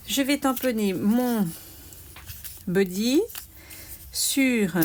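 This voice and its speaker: Slow-talking woman demonstrating crafts. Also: fairly high pitch, a little mellow, slight background noise. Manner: slow, explaining each step aloud, small "hop" asides. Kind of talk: step-by-step crafting tutorial.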